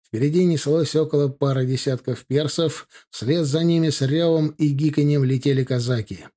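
A man narrating a historical war story in a steady, measured reading. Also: fairly high pitch. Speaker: audiobook narrator. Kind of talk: scripted narration.

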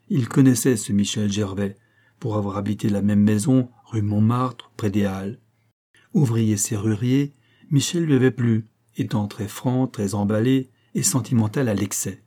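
In a measured, steady storytelling style, a man narrates an audiobook from a script, his voice sitting in the mid range.

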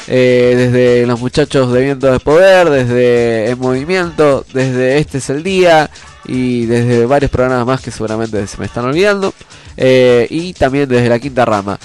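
Music runs beneath the voice of a community radio host who speaks with an Argentine accent. His medium-pitched voice is clear and resonant yet nasal from a cold that has him congested, and his manner is conversational and sincere.

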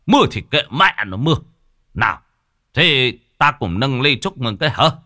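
A man voicing a gruff, easygoing old village patriarch who curses casually. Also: mid-range voice, sing-song, moderate pace, bright, forceful tone, dry recording, studio quality, voice pushed up.

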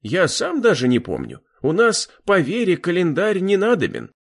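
A man's voice: high voice, wildly swooping pitch, gravelly, voice pushed up, heavily acted. Man doing a sly folksy old village elder. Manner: folksy, slow, smiling.

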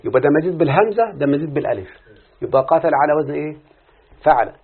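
A man with an Egyptian accent teaching a grammar lesson, quizzing students and repeating word patterns slowly. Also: a little high, lively intonation, husky. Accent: Egyptian Arabic. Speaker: teacher of Arabic morphology. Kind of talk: classroom lesson with student responses. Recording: tinny phone-like lo-fi recording.

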